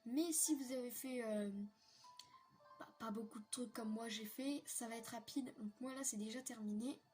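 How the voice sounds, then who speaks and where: A young woman from France, a gaming tutorial YouTuber, speaks at a normal speed with a fairly high pitch and a dark tone over soft background music. In a casual screen-recorded tutorial, she walks viewers through a game hack, chatty and hesitant with many fillers.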